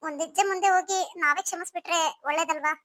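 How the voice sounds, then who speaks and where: A woman's voice: very high voice, fairly even intonation, fast talker, a bit bright, no echo. A woman voicing a caring older sister figure in a cartoon story, coaxing and soothing as she talks.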